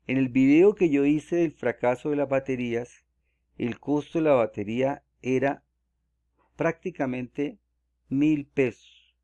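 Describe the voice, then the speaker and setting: A man's voice: mid-range voice, measured pace, mellow, no room sound, dull audio. Methodical man explaining calculations. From Colombia. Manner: methodical, walks through calculations step by step. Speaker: solar energy explainer. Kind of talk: screen-recorded tutorial.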